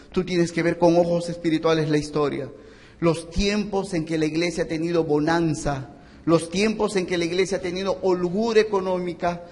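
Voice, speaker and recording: Male Peruvian preacher, high voice with a rough fry, booming in a reverberant church hall. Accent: Peruvian Spanish. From Peru. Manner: swings from hushed, slow pleading to loud, high-pitched retelling. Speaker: pastor. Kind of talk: sermon.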